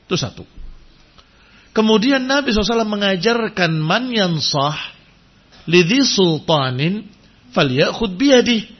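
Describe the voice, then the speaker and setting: A man preaching in a religious study lecture, talking emphatically and building to forceful points. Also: fairly high pitch, husky. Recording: dull lo-fi lecture recording.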